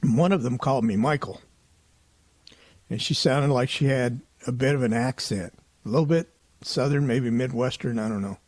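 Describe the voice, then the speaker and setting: A man hosting a paranormal investigation show, giving a casual voice-over recap in a relaxed, conversational way and often hedging his opinions. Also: mid-range voice, moderate pace, dry recording.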